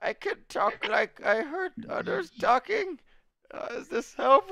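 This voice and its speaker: A man's voice: sing-song, measured pace, creaky, sharp tone, no echo, exaggerated voice. A man voicing a small captured goblin that stammers and sounds meek and eager to please. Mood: squeaky. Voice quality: squeaky, strained high voice. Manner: submissive, stammering.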